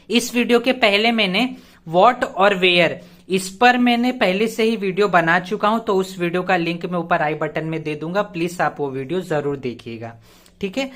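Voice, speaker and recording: A man's voice: sits high, a bit bright. A man teaching English grammar in a casual, explanatory way, often checking whether the viewer follows and asking rhetorical questions. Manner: spells English words out letter by letter. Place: teaching at a board he writes on.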